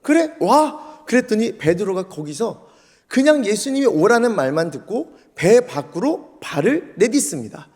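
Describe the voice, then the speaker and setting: A man's voice: high voice, normal speed, slightly rough. A male pastor preaching a sermon in a church, telling the story vividly and acting out the scenes. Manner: lively storytelling, acts out scenes. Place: church sanctuary. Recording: long church hall reverb.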